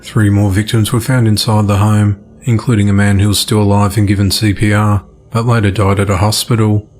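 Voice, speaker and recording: A man reading crime news from a script in an even newsreader delivery. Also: fairly low pitch, fairly quick. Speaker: news reader.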